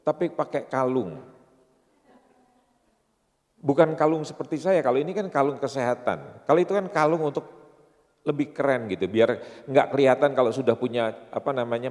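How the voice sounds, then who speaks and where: A man in his sixties with an Indonesian accent preaches at a seminar, teasing his listeners and checking in with them through rhetorical questions. His voice sits at a middle pitch, and a long hall reverb trails behind each phrase. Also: a little mellow. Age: 60s. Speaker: pastor. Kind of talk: seminar sermon.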